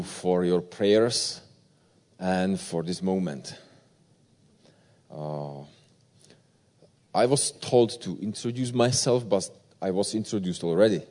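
A man's voice: deep voice, warm tone. A male guest pastor from the Republic, greeting a congregation courteously and with gratitude in simple English. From Czech Republic. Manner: courteous, grateful, simple phrasing. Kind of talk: sermon.

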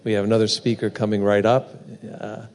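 A man's voice: on the low side, flat delivery, fairly quick, a little mellow, a little hiss or hum. A male church host giving casual announcements and introducing the next speaker, hesitant and full of fillers. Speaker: service host. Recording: echoey hall.

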